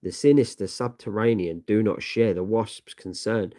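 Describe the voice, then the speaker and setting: A man's voice: fairly low pitch, moderate pace, warm tone, dry recording, studio quality. A man narrating a comic book aloud with dramatic emphasis.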